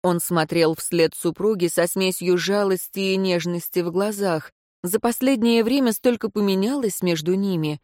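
An audiobook narrator reading fantasy prose in an even, measured way. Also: mid-range voice, no echo, clean studio sound.

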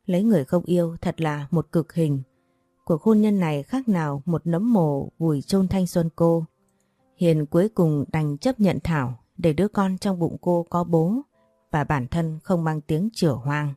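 A woman narrating a scripted story in an even, steady reading voice. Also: sits low, unhurried, no echo, clean studio sound. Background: soft background music.

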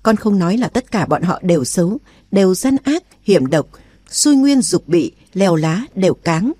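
A woman's voice: lowish voice, big pitch swings, normal speed, mellow, no room sound. A woman voicing a young queen who is weary of palace life, speaking in an earnest, confiding way in an audiobook.

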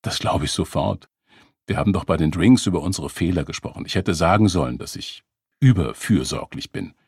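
A man's voice: sits low, a little fast, creaky, darkish tone, breathy edge, dry recording, clean studio sound, heavily acted. A man voicing a smug, controlling man who lectures his date in a coldly reproachful way. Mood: earnest.

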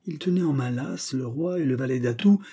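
A man reads a comic folk tale aloud in a mellow, husky voice. He narrates with care and bursts into raised, animated tones when the characters shout. The telling is lively and theatrical. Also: medium pitch, brisk. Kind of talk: storybook reading with acted voices.

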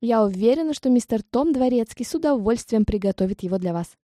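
A woman reading the lines of a flustered young heroine who chatters nervously, her voice a little higher than in narration. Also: expressive, fast talker, mellow, no room sound, clean studio sound, lightly acted.

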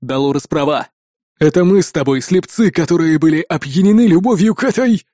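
A sneering young blond hothead gloating with theatrical menace, as a male reader puts him on. The voice is mellow and dry, read close in a storybook manner. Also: fairly high pitch, fairly quick, no room sound, close to an everyday voice. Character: smug young blond man in a staged duel.

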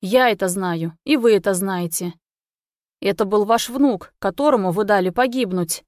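A woman voicing an agitated young man confronting his parents in a loud, accusing manner, in a read-aloud story. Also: medium pitch, moderate pace, no room sound, clean studio sound, lightly acted. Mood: shouting angrily. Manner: heated, accusing, often shouting.

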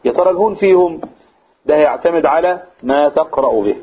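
A man's voice: on the high side, a little fast. A man with an Egyptian Arabic accent teaching a religious lesson to a group. He asks the room questions and answers them himself, and he draws out vowels to demonstrate recitation. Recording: husky, phone-like lo-fi recording.

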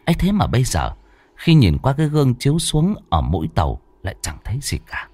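A man's voice: mid-range voice, wildly swooping pitch, fairly quick, darkish tone, no echo. A man narrating a horror audiobook in a dramatic storytelling manner.

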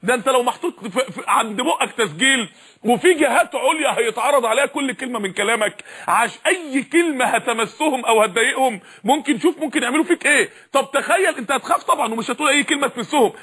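Male Egyptian Arabic preacher, husky, rapid-fire sermon delivery with relentless rhetorical questions. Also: very high-pitched, lively intonation, pushed and bright. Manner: urgent, repeating rhetorical questions to the audience.

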